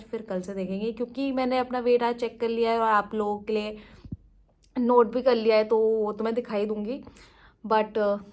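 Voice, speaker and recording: A young woman with an Indian accent, chatting quickly and casually as a vlogger. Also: fairly high pitch, a little mellow. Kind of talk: casual vlog chat in Hindi-English mix.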